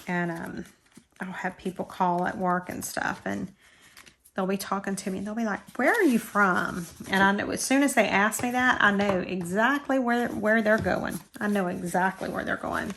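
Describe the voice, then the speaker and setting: A middle-aged Florida woman with a South Georgia drawl hosts a crafting channel, rambling and poking fun at herself as she works at her craft table. Her medium-pitched voice is creaky and slightly bright, at a moderate pace, with faint hiss or hum in the recording.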